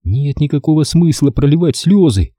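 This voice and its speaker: A man voicing a stubborn young girl, exhausted and cross, speaking high and petulant, read in an audiobook. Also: expressive, normal speed, dark tone, no echo, studio quality. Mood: despairing.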